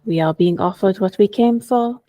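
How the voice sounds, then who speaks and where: A woman's voice: mid-range voice, normal speed, dry recording, lo-fi sound. A woman playing a tabletop role-playing game, casually talking through her character's choices.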